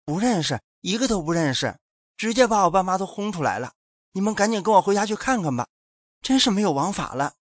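A man's voice: sits high, lively intonation, a little fast, no room sound, clean studio sound, voice pushed up. A man voicing an indignant middle-aged woman who complains in an agitated, insistent way.

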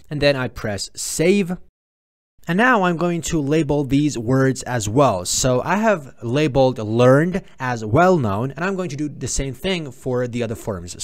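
A man with a mid-range voice presents an unscripted software tutorial, explaining step by step and often repeating and correcting himself.

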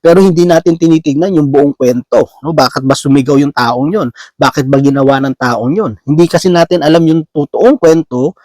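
A man preaching a Bible teaching sermon in a conversational way. He often checks in with his listeners with a quick question and mixes English words into his talk. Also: a little high, mellow, no room sound.

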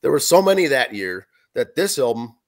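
With big pitch swings around a medium pitch and a moderate pace, a hoarse man in his forties co-hosts a podcast by video call webcam from a small room at home. He reviews an album casually, reading facts and track lists from his notes with fillers.

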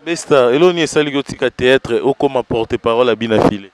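Quick, teasing interviewer. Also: male voice, medium pitch. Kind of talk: casual interview chat.

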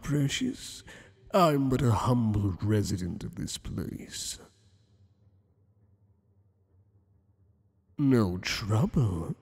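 In an ASMR roleplay, a man voices a flirtatious, possessive tentacled alien boss, teasing in a courtly, deliberate manner under long, echoing reverb. His medium-pitched voice is creaky, husky, and a little mellow, played as a full character voice.

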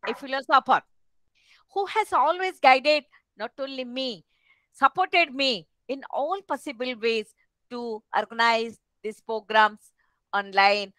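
A middle-aged woman with an Odia Indian accent gives a formal address as webinar host. Her voice is high and bright, picked up closely and dryly on a headset. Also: no room sound, rough recording. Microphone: headset on video call.

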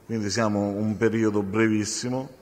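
A man's voice: fairly low pitch, level tone, moderate pace, darkish tone. A man testifying in a courtroom, giving short, terse answers under questioning. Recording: echoey courtroom with long reverb.

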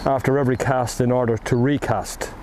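River water flows and wind blows as a distant camera on the bank records an older Irish-accented man talking casually about fly fishing. He explains in a relaxed style, dotted with ums and asides, in a medium-pitched voice a little on the fast side.

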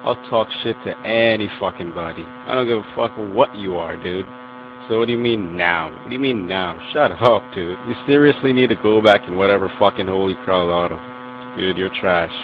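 Give me a young man with a low voice trash-talking aggressively, on a muffled voice message. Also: a little fast. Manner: aggressive, profane, taunting. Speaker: online gamer. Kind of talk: voice-chat rant. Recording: muffled noisy game voice message.

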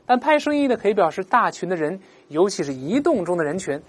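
A lively, husky woman of medium pitch teaches English vocabulary. She patiently explains each term and slowly models its pronunciation so learners can repeat it. "Right?" is a constant refrain.

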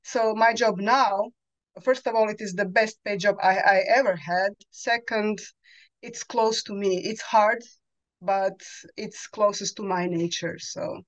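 A woman's voice: mid-range voice, a little slow, dry recording, dull audio. Croatian woman guest on a video call. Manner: searching for words, many fillers. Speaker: podcast guest. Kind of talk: conversational interview. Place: home room, indoors. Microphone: headset on video call.

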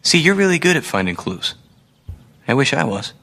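A man's voice: medium pitch, normal speed, gravelly, exaggerated voice. A man in his twenties playing a friendly preschool show host, talking patiently and expressively to child viewers. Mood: encouraging. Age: 20s. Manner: patient, encouraging, exaggeratedly expressive.

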